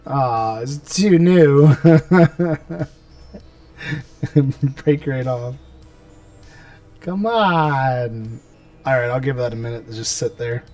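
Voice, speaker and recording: This miniature painter's stream features his medium-pitched, animated, slightly mellow voice, delivered extremely slowly with frequent pauses. He chats casually and mumbles to himself while working, rambling along. The microphone is a little distant, and music plays behind.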